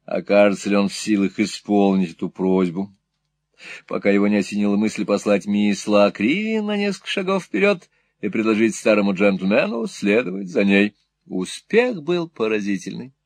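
A man narrating a classic novel in an expressive, theatrical storytelling way. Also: fairly low pitch, dry recording. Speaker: audiobook narrator.

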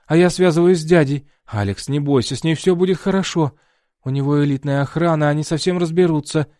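A calm young woman in an audiobook who speaks soothingly and with confidence, as a male narrator puts her on. The voice is lifted well above his own. The recording is dry and close. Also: a little high, brisk, no echo, voice pushed up, natural voice. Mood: reassuring.

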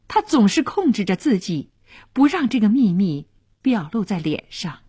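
A woman narrating a radio story in an expressive, dramatic way. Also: mid-range voice, moderate pace, slightly rough.

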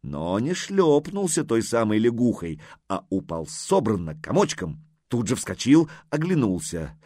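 A male narrator reading a story with an animated, rising and falling voice. The recording is close and dry, with no room around it. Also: medium pitch, a little slow, dry recording. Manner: expressive storytelling. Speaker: audiobook narrator. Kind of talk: scripted narration.

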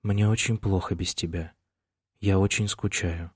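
A quiet, tearful young student speaks softly over the phone, as a man reads him. The voice is low and the sound dry and close, in a storybook reading. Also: steady tone, unhurried, breathy edge, no room sound. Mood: sad.

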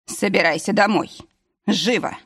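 A woman's voice: mid-range voice, measured pace, fairly bright tone, breathy edge. A woman voicing a curt, domineering husband. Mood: commanding. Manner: curt, commanding. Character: angry, domineering young husband.

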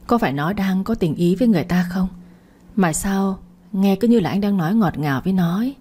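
A woman narrating a story in a steady, expressive storytelling manner. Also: mid-range voice, fairly quick, husky.

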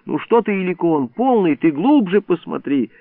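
A man's voice: high voice, sing-song, moderate pace, dry recording, pitched above the performer's own voice. A man voicing a mischievous village boy, frightened and whimpering denials, in a tinny phone-like recording. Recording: tinny phone-like band, dry.

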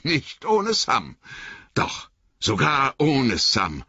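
A man's voice: medium pitch, wildly swooping pitch, drawn-out words, bright, forceful tone, husky, no room sound, voice pushed up, heavily acted. A man voicing a stubborn, loyal male hobbit servant who talks in an earnest, folksy, agitated way. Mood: brooding. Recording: dry, slightly dull audio.

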